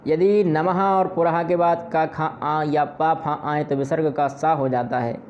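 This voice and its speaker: A man's voice: on the high side, fairly even intonation, a little slow, a little mellow. Man explaining grammar in a lesson. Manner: patient step-by-step explaining, repeating examples. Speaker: Sanskrit grammar teacher. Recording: slightly dull lo-fi audio with faint noise.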